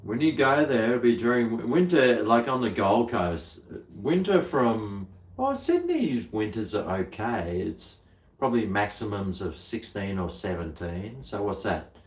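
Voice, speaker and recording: Speaking on the low side and a little slowly, this livestream host swings his pitch widely. He's a middle-aged Australian, relaxed and blokey, chatting casually with plenty of slang in a roomy, echoey space.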